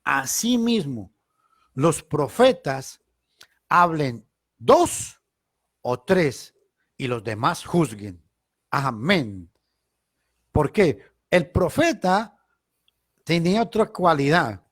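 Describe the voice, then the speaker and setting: A man leads a Bible study like a sermon, with a fairly high voice that leaps up and down. He stresses key words loudly, then drops into quiet asides. The sound is dry and close. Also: big pitch swings, drawn-out words, pauses often, slightly rough, no echo. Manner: emphatic, swings between loud stress and quiet asides. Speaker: Bible teacher.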